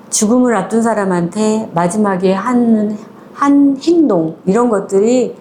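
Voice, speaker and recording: A woman's voice: medium pitch, darkish tone, a little hiss or hum. A woman retelling a short story in a conversational, chatty way, moving between polite and casual speech and acting out the quoted lines. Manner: acts out quoted lines in small voices.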